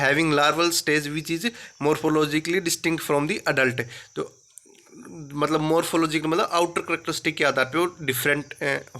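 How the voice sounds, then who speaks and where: Man, teacher, bright tone, slightly high pitch, question-and-answer lecture. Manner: asks questions then answers them himself; reads English textbook lines slowly, explains in Hindi. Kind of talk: exam-prep lecture.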